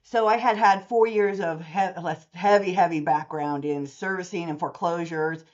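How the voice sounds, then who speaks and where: A woman in her sixties who owns a mortgage services company speaks in a long-form interview with a fairly low voice at a moderate pace. An animated storyteller, she acts out the voices of people in her stories. The recording sounds muffled.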